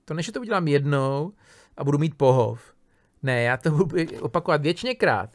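A man's voice: fairly high pitch, expressive. A man giving an informal spoken lecture on a philosophy text. He thinks aloud, restarts his sentences and keeps asking his listeners for agreement. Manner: casual, thinking aloud with many fillers, restarts and tag questions.

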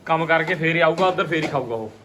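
A Punjabi man with a somewhat high-pitched voice narrates a casual family vlog. He is chatty and teasing and circles back to his points. The phone recording carries slight background noise. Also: racing, sharp tone. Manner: teasing, chatty, repeats himself. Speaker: family vlogger. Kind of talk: casual home vlog chat. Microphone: phone held by the speaker. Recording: noisy handheld home recording.

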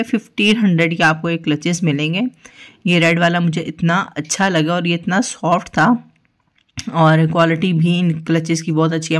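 A young woman, chatting through her shopping trip and listing prices in a friendly, easy way. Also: low-pitched. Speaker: shopping vlogger. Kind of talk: casual voice-over narration of a shopping trip.

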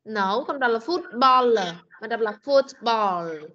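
A woman English teacher with a Vietnamese accent, running an online class and drilling pronunciation with slow, patient corrections. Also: on the high side, expressive, sharp tone. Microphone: computer mic on video call. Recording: dull lo-fi video call audio.

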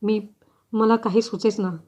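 A woman's voice: mid-range voice, fairly even intonation, a little mellow, natural voice. Woman voicing a frightened guilty young mother. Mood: guilt-stricken. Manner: halting, confessional, breaking off. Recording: slightly dull lo-fi recording.

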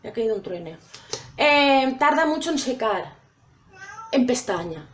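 A woman's voice: on the high side, lively intonation, measured pace, a little hiss or hum. A woman chatting casually to her viewers while trying out makeup. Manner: chatty, addresses viewers directly. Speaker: makeup vlogger.

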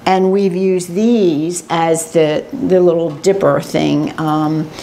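A woman's voice: lowish voice, fairly even intonation, takes it slowly, dark tone. An older woman demonstrating a family recipe, explaining each step plainly and practically. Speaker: home cook demonstrating a recipe. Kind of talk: casual cooking demonstration.

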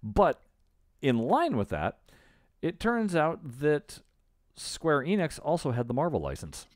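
This middle-aged podcast co-host sits on the high side, with huge swings in pitch and a measured pace as he muses aloud in loose, speculative conversation. There's no room sound, just a close boom-arm mic in a small home room.

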